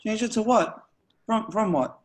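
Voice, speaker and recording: On an online group video call, a man with a high voice reads at a measured pace for an amateur table read. He plays an awkward, smitten, dim young slacker, stammering and hesitant, flustered and nervously earnest.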